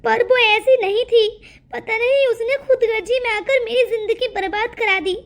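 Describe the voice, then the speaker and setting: A woman's voice: very high-pitched, fairly even intonation, normal speed. A woman voicing a tearful, secretive young daughter in a cartoon story, weepy and pleading. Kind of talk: cartoon voice acting.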